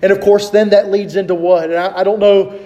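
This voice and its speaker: Guy preaching a sermon, kinda high mellow voice, chatty, asks the crowd questions, long hall echo. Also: flat delivery, fairly quick, highs cut off. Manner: conversational preaching with rhetorical questions and reading scripture aloud. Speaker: pastor.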